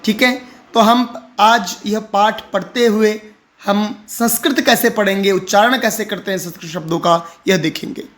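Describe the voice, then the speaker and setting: A man's voice: high voice, fairly even intonation, fairly bright tone. A man teaching how to read and pronounce Sanskrit, explaining patiently and repeating words for the learner. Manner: slow, deliberate chanting of Sanskrit lines. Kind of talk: explaining reading and pronunciation.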